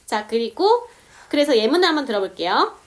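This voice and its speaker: A woman explaining English words step by step, saying example sentences slowly. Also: high-pitched, sing-song. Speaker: English teacher. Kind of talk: casual video lesson.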